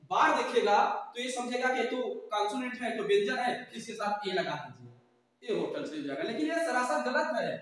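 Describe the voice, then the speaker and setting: A man with a high voice runs a grammar lesson, repeating every key point and addressing the class fondly as "beta". He stands well back from the mic. The room around him rings with heavy echo. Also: fairly bright tone. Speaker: English teacher. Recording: very echoey room, voice from far off.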